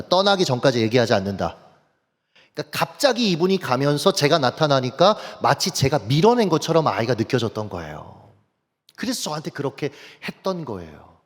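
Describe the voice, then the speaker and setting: A male pastor preaching a sermon, telling personal stories in an animated way and speaking straight to his congregation. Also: medium pitch. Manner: animated, anecdotal, addresses congregation directly. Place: church sanctuary. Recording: long church hall reverb.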